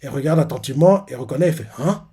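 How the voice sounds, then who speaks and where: A man's voice: medium pitch, lively intonation, rapid-fire, warm tone, husky. Rambling man retelling a comic. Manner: rambling, full of filler words and restarts. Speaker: manga reaction host. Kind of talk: casual live retelling of a comic chapter.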